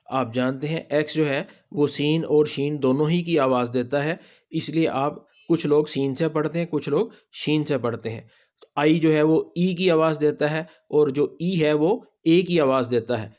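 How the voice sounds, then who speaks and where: A man's voice: fairly high pitch, darkish tone. A man with a Pakistani Urdu accent, teaching a casual spoken lesson and patiently repeating each word for practice. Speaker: language teacher.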